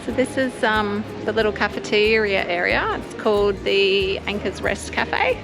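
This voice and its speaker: An Australian woman talks casually to viewers as a travel vlogger. Her voice sits at a middle pitch, informal and chatty, with music clearly playing behind it. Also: animated, measured pace, poor audio. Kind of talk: casual vlog chat.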